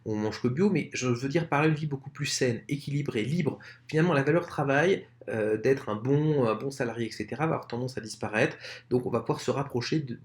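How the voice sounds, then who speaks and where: Man, online presenter, casual explainer to camera, mid pitch, very animated intonation, talks directly to viewers. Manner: conversational, addresses viewers directly; lively, expressive intonation. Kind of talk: informal explainer talk to camera.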